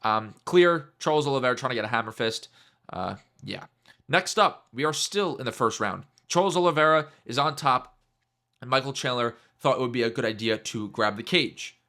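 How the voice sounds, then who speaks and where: A young man giving a casual, mocking breakdown of a fight, animated and fond of repeating his catchphrases. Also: mid-range voice, moderate pace. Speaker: MMA YouTuber.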